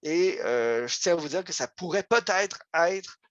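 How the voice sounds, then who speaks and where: A man's voice: fairly high pitch, lively intonation, unhurried, fairly bright tone, no room sound, dull audio. A man with a Quebec French accent giving a local history lecture over a video call, conversational, with many fillers and asides. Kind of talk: history talk, online lecture.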